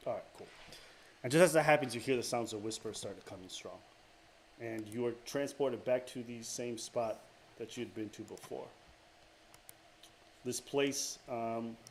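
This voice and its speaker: A man's voice: mid-range voice, normal speed. A man narrating a tabletop game as dungeon master, hesitant, with frequent fillers and restarts. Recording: clear background noise.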